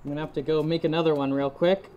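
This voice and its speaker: A young man chatting casually in a garage workshop vlog, self-deprecating and quick to laugh. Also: fairly high pitch, little pitch movement, warm tone, dull audio. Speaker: vlogger.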